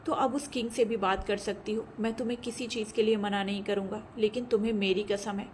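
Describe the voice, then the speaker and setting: A tender young husband from an audio story, read by a woman in her own voice. He pleads softly but insistently, at an ordinary middle pitch. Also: steady tone, brisk, a little hiss or hum, natural voice. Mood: tender, pleading.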